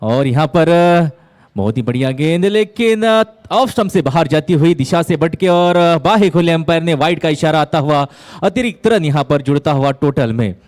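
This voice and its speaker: A man giving live ball-by-ball cricket commentary, phrasing things in measured bits with pauses and lifting at key moments. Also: fairly high pitch, lively intonation, a little mellow.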